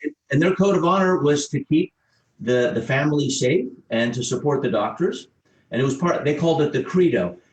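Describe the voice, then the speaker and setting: A man's voice: on the high side, animated, brisk. A man hosting an online webinar, reading out questions and chatting with his guest. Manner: conversational, reads out questions. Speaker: host. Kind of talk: webinar moderation. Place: home in Australia or New Zealand. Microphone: video call. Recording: echoey room.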